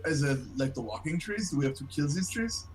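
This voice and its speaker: Male player, high animated voice, mischievous and joking. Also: a little fast, a little hiss or hum, poor audio. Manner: playful, mischievous. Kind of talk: casual tabletop play.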